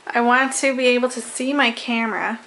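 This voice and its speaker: A woman's voice: a little high, fairly even intonation, fairly quick, fairly bright tone. Chatty young woman vlogging. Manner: chatty, laughing easily, talks to the camera. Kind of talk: casual vlog chat. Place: home and car. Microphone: handheld compact camera. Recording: noisy handheld camera audio.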